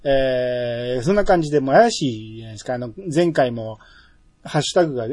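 A man's voice: medium pitch, fast talker, no room sound. A man co-hosting a podcast in casual, teasing banter. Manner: relaxed, teasing banter with frequent laughs. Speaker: podcast co-host. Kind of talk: casual chat.

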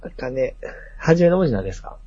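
A man's voice: medium pitch, expressive, brisk, warm tone, slightly rough. A man with a Kansai accent chatting casually as co-host, politely deferring with frequent short agreeing replies. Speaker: talk show co-host. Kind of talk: casual chat. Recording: dull, dry lo-fi recording.

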